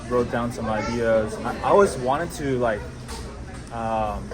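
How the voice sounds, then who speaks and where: A man's voice: medium pitch, a little slow, a crowd in the background, rough recording. A man in his twenties, originally from Japan, answering interview questions about being an artist in a hesitant way, often repeating himself. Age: 20s. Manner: hesitant, repeats words, many fillers.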